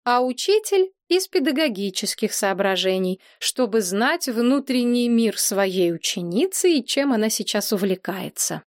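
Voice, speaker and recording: Woman narrator, children's story; lively, fairly high, dry. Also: unhurried, hardly any pauses, no room sound.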